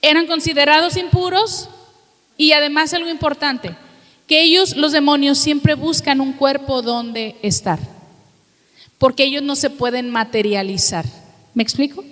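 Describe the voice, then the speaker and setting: A woman pastor preaching a sermon to a congregation, asking them questions and reading scripture slowly and emphatically. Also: high-pitched, a bit bright. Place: church hall with congregation. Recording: long reverb of a hall.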